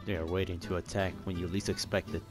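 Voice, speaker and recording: A man's voice: low-pitched, level tone, quick pace. A young man hosting a gaming channel, chatting casually and joking with a friend while playing, with game music behind him. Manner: joking, laughing, teasing. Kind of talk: casual gameplay chat with a friend.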